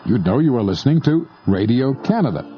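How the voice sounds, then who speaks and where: A man with a mid-range voice narrates an instructional tape on shortwave listening, sounding very animated and fairly quick. The audio has its highs cut off and loud music behind him. His scripted explanation is conversational and spoken directly to the listener.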